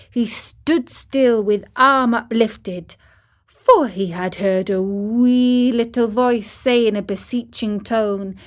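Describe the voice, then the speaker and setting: Brief: female storybook narrator, deliberate pace for learners, slightly high voice. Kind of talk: slow scripted story reading for English learners.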